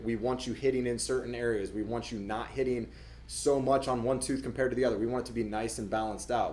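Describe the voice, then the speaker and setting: A man's voice: mid-range voice, a little mellow, a little hiss or hum. A young adult man, a dentist, explaining things casually to camera in a conversational way, often repeating words as he goes.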